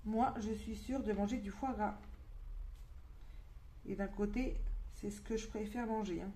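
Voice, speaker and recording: A woman's voice: mid-range voice, fairly even intonation, a little slow, dark tone. Chatty French woman vlogger. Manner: chatty, with many fillers and restarts; mutters counts half-whispered to herself. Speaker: coloring vlogger. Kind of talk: casual chat while coloring.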